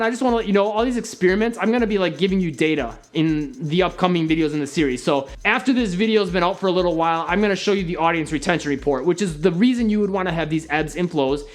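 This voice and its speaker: A young man hosting a casual video on growing a channel, talking straight to camera and swinging between upbeat and deliberately flat delivery. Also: high voice. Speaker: YouTube marketing host. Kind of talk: casual to-camera advice talk.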